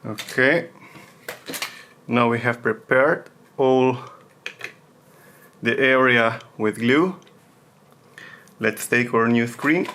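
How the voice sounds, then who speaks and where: A man with a thick foreign accent, a non-native English speaker, narrating a hands-on tutorial in simple, halting phrases as he searches for words. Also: medium pitch, pushed and bright, slight background noise. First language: not English. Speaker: repair tutorial host.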